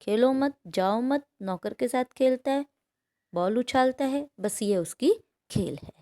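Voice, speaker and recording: A woman's voice: on the high side, expressive, measured pace, dark tone. A woman teacher reading a story aloud to pupils, then explaining it line by line and often asking "है ना?". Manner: reads a passage, then explains it with frequent "है ना?" checks. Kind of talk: explaining a textbook chapter to pupils.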